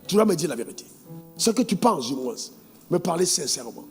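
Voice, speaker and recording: Male pastor, high pitch, animated sing-song sermon delivery that breaks into shouts. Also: brisk, vocal fry, husky, faint music behind. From Côte d'Ivoire.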